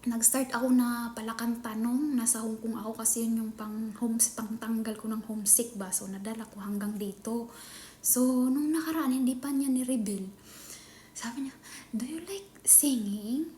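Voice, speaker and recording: A woman's voice: a little high, fairly even intonation, normal speed. Chatty Filipino woman, half-whispering. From Philippines. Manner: chatty, often drops to a hushed whisper. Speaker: nanny vlogger. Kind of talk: casual vlog chat. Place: employer's home. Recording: echoey room with faint ambient noise.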